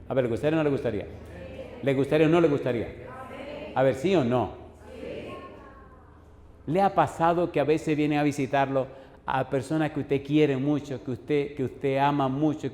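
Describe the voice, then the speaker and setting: A man's voice: mid-range voice, dark tone. A man, a pastor preaching a sermon, telling stories and acting out both sides of the dialogue while pressing the congregation with yes-or-no questions. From Dominican Republic. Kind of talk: sermon storytelling. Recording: echoey hall with faint noise.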